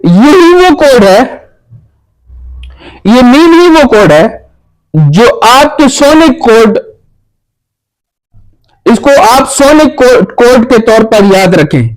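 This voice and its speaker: Guy with a really high voice doing a religious talk, earnest, urging people, slow and emphatic. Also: big pitch swings, rough recording. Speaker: spiritual teacher.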